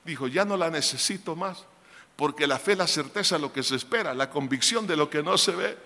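A man preaching in a high, piercingly bright voice, pressing his point to the congregation with bursts of shouting. His sermon rings with a long reverb through a church hall. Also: lively intonation, brisk. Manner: emphatic, addresses congregation as brothers, shouts quoted cries. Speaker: pastor.

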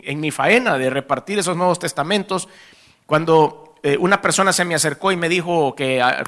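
A man with a Salvadoran accent preaching a testimony sermon, telling a story in lively fashion and addressing the congregation as brothers. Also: a little high.

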